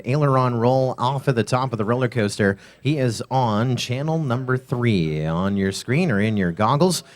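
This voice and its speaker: A man announcing a drone race live, giving rapid play-by-play of lap times and reading sponsor lines. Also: medium pitch.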